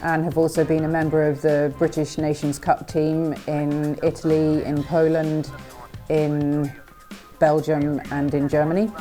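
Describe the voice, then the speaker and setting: Low-pitched and unhurried, a middle-aged woman raised in Scotland talks about her life as an event horse rider in a filmed interview. She comes across as reflective, pausing a lot and using many fillers, with faint music in the background.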